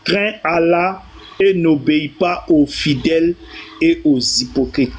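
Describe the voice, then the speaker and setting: Man reading verses slowly, fairly high voice. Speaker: debate participant. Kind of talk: reading scripture aloud in a live debate.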